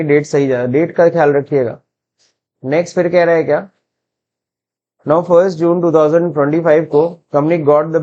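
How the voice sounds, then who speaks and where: Indian guy teaching accounts software, hindi-english mix, slightly high voice, muffled lo-fi sound. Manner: mixes Hindi and English, asks and answers his own questions. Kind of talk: screen-recorded classroom lesson.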